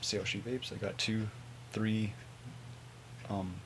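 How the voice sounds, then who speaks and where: A man in his twenties giving a casual, mumbled, sweary product review on a low-volume webcam recording. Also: flat delivery, slow, background noise. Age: 20s. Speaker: vape reviewer. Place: small home room with hanging clothes.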